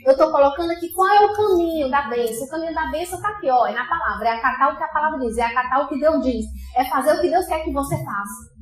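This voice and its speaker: A woman pastor with a Brazilian accent preaching a sermon, shifting between loud outbursts and soft asides. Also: sits high, expressive, fast. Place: church sanctuary. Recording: echoey church hall with faint music.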